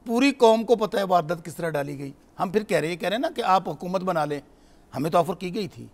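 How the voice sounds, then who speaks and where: A man's voice: high voice, lively intonation, brisk, vocal fry. A man, a political panelist arguing combatively and talking over others. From Pakistan. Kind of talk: heated political debate.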